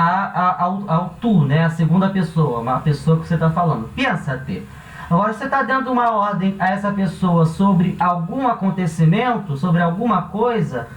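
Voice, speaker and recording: Patient Brazilian teacher in an echoey room. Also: male voice, high-pitched. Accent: Brazilian Portuguese. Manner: slow, patient, spells out syllables and repeats examples. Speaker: Spanish teacher. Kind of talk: classroom lesson at a board. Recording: roomy echo from a distant mic, faint background hum.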